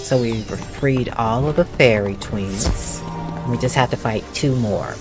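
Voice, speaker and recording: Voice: mid-range voice, takes it slowly. A gamer giving casual let's play commentary, with playful, sarcastic asides. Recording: commentary over clear game music.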